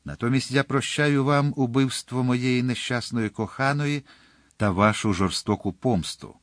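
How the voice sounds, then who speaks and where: A man's voice: medium pitch, a little slow, no room sound, clean studio sound, close to an everyday voice. A man reading aloud and voicing a young, remorseful swordsman who speaks earnestly.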